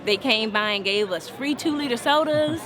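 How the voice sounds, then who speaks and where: A woman's voice: on the high side, normal speed, crowd noise. A woman being interviewed tells a candid, reflective personal story.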